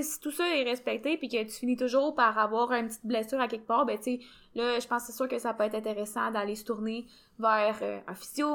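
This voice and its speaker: A woman's voice: a little high, a bit bright. A young woman with a Québécois accent co-hosting a fitness podcast, chatting casually with many "tu sais" fillers. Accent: Québécois French. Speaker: podcast co-host.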